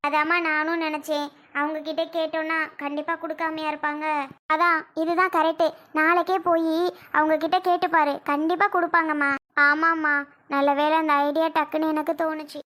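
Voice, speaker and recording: A woman's voice: sits high, little pitch movement, a little fast, sharp tone. A woman playing an earnest teenage elder daughter in a family drama skit, persuading her mother. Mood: relieved.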